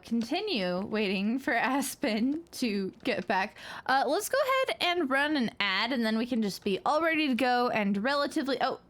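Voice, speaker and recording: A woman's voice: fairly high pitch, a bit bright. A young woman hosting a live gaming stream, chatting casually, laughing often and reacting dramatically. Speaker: streamer host.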